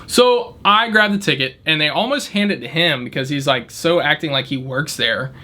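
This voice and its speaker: Animated, bright-voiced man telling a story. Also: a little high, normal speed. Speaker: valet worker telling a story. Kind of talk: casual storytime vlog.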